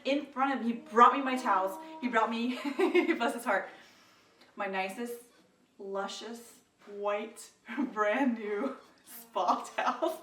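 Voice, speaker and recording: A young woman casually telling her own story to viewers, lively and acting out what was said. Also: far from the mic, slight background noise. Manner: animated, acts out quoted lines with rises in pitch and volume. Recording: roomy echo, voice a little off-mic.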